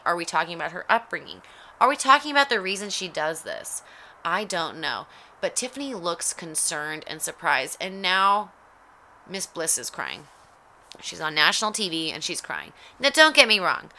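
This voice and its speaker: A woman's voice: fairly low pitch, bright, forceful tone. A woman at home giving wry, sarcastic play-by-play commentary while reacting to a cooking show. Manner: wry, sarcastic running narration. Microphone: home recording mic.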